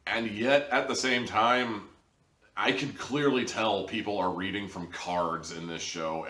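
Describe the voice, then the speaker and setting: A young man with a low-pitched, fairly bright voice gives a casual review to camera, rambling and occasionally theatrical. He's a reviewer and show host in his young adult years, filmed in a small living room with the camera a few feet back, leaving a roomy echo.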